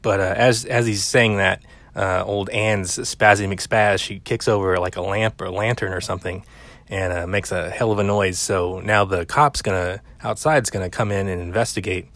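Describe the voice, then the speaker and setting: A man talks through a movie scene by scene in a loose, rambling way, dropping fillers and the occasional swear word. His voice sits a little low, and the sound is dry and close, with no room around it. It comes across as an easygoing film recap. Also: fairly even intonation, normal speed, fairly bright tone, dry recording. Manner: rambling, chatty, with frequent "uh" fillers and casual swearing. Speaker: film commentator. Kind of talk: casual film recap commentary.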